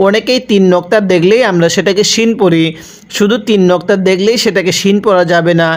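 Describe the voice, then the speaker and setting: A man with a Bangladeshi Bengali accent, teaching Quran reading by spelling out letters and reciting drawn-out words for learners to repeat. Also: high-pitched.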